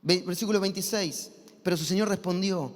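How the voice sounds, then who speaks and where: A man with a Rioplatense Spanish accent preaching a sermon as an evangelist, stretching key phrases slowly and dropping in conversational asides. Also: high voice. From Argentina. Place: church hall. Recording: long church hall reverb.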